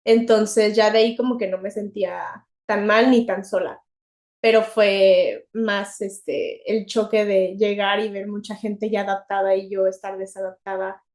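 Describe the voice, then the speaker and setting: A young woman with a Mexican accent, co-hosting a podcast in a chatty, animated way and laughing often. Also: mid-range voice, a little slow. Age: young adult. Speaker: podcast co-host. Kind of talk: casual chat.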